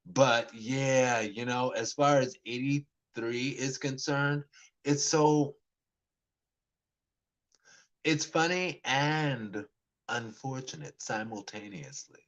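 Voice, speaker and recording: Medium in pitch, slow and fairly bright, this man's voice carries a rambling story from a vlogger of about forty. He keeps restarting and stammering through repeats, and acts out both people in each conversation he recounts.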